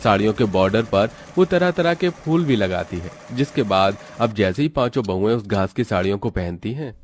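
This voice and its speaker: A man narrating a cartoon story in a steady, explanatory storytelling manner. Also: lowish voice, normal speed, a little hiss or hum.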